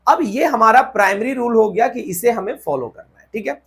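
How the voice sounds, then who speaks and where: Husky-voiced Indian grammar teacher. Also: male voice, very high voice, animated, a bit bright. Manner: spells out words letter by letter, checks understanding often; switches to slow deliberate reading for English rules. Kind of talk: whiteboard grammar lesson.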